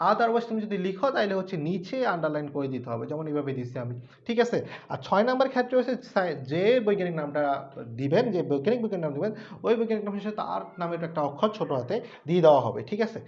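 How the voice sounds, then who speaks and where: A man's voice: high voice, animated, fast, dull audio. A man giving an online school biology lecture, explaining step by step and keeping checking that students follow. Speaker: biology tutor.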